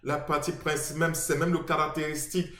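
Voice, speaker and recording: Male presenter, slightly high voice, halting explanatory delivery, echoey room. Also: flat delivery, fairly bright tone. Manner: hesitant, many restarts and fillers, spelling out letters. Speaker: teacher presenting a video lesson. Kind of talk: informal explanatory lesson to camera.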